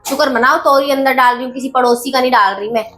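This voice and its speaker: A woman's voice: high voice, steady tone, fast talker, pushed and bright, slight background noise. A woman acting a sassy, bantering wife in a comedy sketch. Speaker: comic actress.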